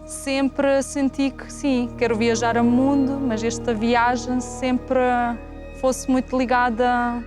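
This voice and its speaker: A woman's voice: on the high side, little pitch movement, slow, music in the background. A woman from former Yugoslavia, native in Slovenian and Croatian, speaking in a reflective documentary interview and at times searching for words.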